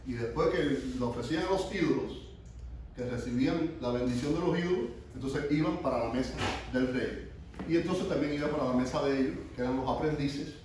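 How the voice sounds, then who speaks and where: A man teaching a sermon to young people, stopping often to quiz them and starting his phrases over. His voice sits at a middle pitch and comes from some distance away, caught in a very echoey room with a faint hiss underneath. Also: darkish tone. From Cuba. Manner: asks the group questions, restarts often. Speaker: youth pastor. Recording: echoey room, mic from far off.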